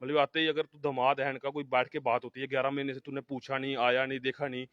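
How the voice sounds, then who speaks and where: Fast-talking man giving an eyewitness account. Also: medium pitch, level tone, no echo. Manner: rapid, emphatic, with restarts. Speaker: eyewitness relative. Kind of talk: on-the-spot interview. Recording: dull, lo-fi field audio.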